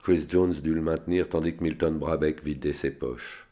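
A man reads a spy novel aloud in a steady, unadorned way. His voice is extremely deep and low throughout. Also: moderate pace. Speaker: reader.

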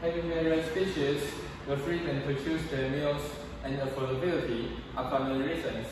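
A teenage boy from Taiwan, reading a scripted English presentation as a student presenter, carefully and in measured steps. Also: fairly high pitch, steady tone. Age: teens. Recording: echoey hall from far off, noisy.

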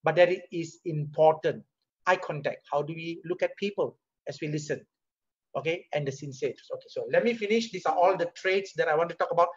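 A middle-aged CEO with a Singaporean English accent gives a motivational leadership talk over a video call from a home or office room. His fairly high, husky voice moves quickly and conversationally, posing rhetorical questions and rising animatedly on key points, through muffled webcam or laptop audio.

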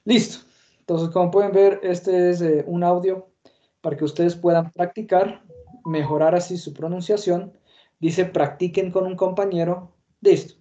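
A man's voice: sits high, level tone, normal speed, warm tone. A man teaching an English lesson online, explaining patiently with fillers, in dull lo-fi audio.

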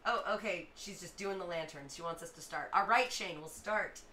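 A woman in her thirties with a slightly hoarse voice, hosting a casual livestream and chattily reacting to viewer comments. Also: fairly low pitch, normal speed, far from the mic. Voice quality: hoarse, rough-edged. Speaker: livestream music host. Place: small home music room, indoors. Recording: roomy, off-mic, faint background noise.

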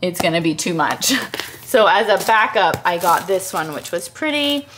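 A young woman chatting casually about her home, upbeat and quick to laugh. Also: on the low side, very animated, a bit bright, slight background noise. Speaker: vlogger. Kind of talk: casual home tour chat. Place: bathroom of a new house.

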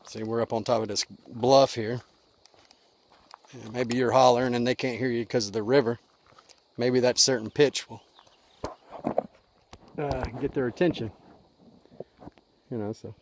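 A middle-aged man rambles easily about camp life, recorded on a handheld camera out in the woods. His voice sits at an ordinary pitch, and steady outdoor noise runs underneath. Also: measured pace, pauses often. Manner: folksy, rambling, drawling with many fillers. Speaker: outdoor survival vlogger. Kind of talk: casual outdoor vlog. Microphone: handheld camera at arm's length. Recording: outdoor camera mic, noisy.

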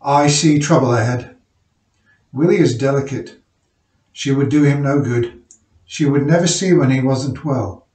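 A man's voice: medium pitch, a little mellow, roomy sound, distant mic, lightly acted. A man voicing a big, indolent miner husband who talks easily and unhurriedly. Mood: solemn. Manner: easy, slow-witted, unhurried.

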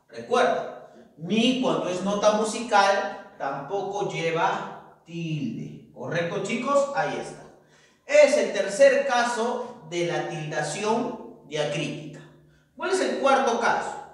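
A male teacher giving a grammar lesson, asking rhetorical questions and answering them himself. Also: sits high. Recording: echoey room, far from mic.

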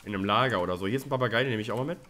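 A man hosting a co-op survival game let's play, chatting casually, swearing and breaking into excited shouts. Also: lowish voice, very fast. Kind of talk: casual co-op gaming chat.

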